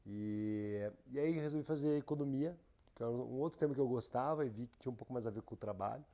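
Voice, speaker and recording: A man from who runs a company, speaking as a podcast guest in a relaxed, halting way with many restarts. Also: medium pitch. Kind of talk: casual interview.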